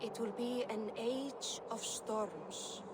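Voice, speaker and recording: An actress playing a cryptic Norse fate-spinner in a video game, solemn and oracular. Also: female voice, on the high side, fairly even intonation, heavy background noise. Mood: solemn, ominous. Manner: slow, oracular. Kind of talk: dramatic video game acting.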